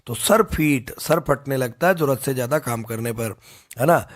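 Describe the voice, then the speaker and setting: A man teaching English vocabulary in a folksy way, repeating key phrases and slowing down to stress words. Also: medium pitch. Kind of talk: explanatory lesson with memory tricks.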